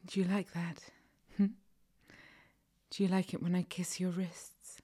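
Woman, ASMR roleplay; slow, low whisper, commanding yet tender, warm breathy tone. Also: little pitch movement.

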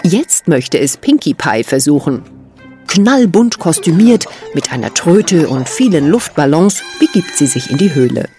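A woman narrates a children's story in a low voice. Her intonation is very lively, and music plays clearly underneath. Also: unhurried.

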